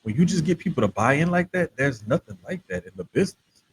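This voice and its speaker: A middle-aged man in a casual group chat as a podcast host, talking in an animated, emphatic, slangy way. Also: fairly high pitch, fast, slightly rough.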